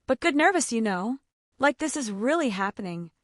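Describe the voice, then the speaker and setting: A woman voicing an excited young groom, bright and easygoing, in a story reading. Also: a little high, moderate pace, dry recording, studio quality. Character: excited young groom on his wedding day.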